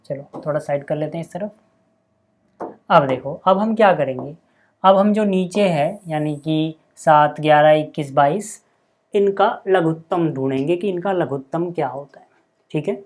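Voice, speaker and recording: A man teaching a maths lesson step by step, dictating numbers slowly and checking in constantly with his students. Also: a little high.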